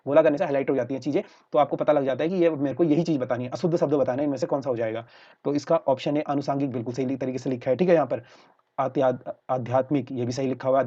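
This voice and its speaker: Teaching an online exam-prep class, this man has a mid-range, warm, slightly rough voice captured in lo-fi audio. He goes through the material step by step, repeating explanations and checking in with his students constantly with "theek hai".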